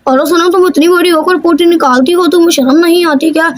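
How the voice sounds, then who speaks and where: A woman's voice: extremely high pitch, fairly even intonation, fairly quick. A woman voicing a scolding village mother in a cartoon.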